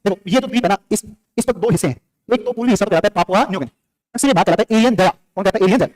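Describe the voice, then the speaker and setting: Very fast and high, with a slightly mellow quality, a male teacher's voice carries a classroom lecture. Questions fly and he answers each one himself, drilling the facts repeatedly while scolding and joking with students along the way.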